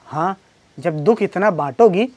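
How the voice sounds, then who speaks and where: A man's voice: sits high, measured pace, a little mellow. A man playing a husband in a comedy sketch, trading dry, sarcastic quips with his wife and building into exasperated rants. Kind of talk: scripted comedy sketch acting.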